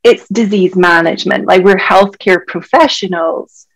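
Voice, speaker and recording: Speaking unhurriedly in a mid-range voice, a Scottish doctor and health coach in her thirties opens up as a guest in a casual podcast conversation, leaning heavily on "like." The recording quality is low.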